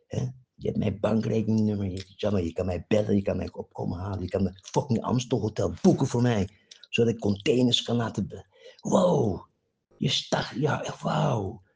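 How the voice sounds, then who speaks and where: A man with a very low, gravelly voice that is rough and husky throughout. He rambles through a profane rant aimed at a friend, dropping to a mutter and then flaring up loud, and keeps pushing for agreement with a questioning "eh?". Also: fairly even intonation, fast. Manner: swings between low muttering and loud outbursts, keeps asking "hè?"; profane and rambling, jumps between topics.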